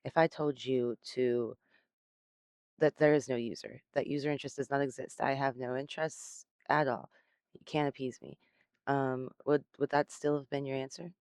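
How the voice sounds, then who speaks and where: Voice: mid-range voice, fairly even intonation, moderate pace, darkish tone, smooth, no room sound, studio quality. A person interviewing an AI in a casual, rambling way, often laughing and swearing. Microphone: close personal mic at home.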